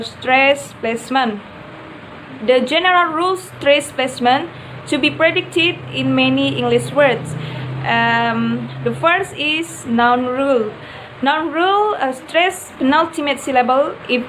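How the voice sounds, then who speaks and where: High-voiced student woman, slow and halting. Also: a bit bright, a little hiss or hum, poor audio. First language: Indonesian. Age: young adult. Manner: hesitant, many "uh" fillers. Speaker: student presenter. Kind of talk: class video presentation.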